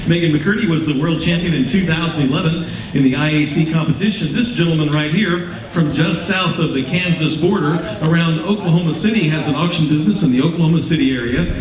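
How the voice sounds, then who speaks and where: A man hosting a live contest, announcing and introducing guests on stage. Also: a little high. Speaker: contest host. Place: echoey event stage with PA. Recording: echoey, distant PA, clear noise.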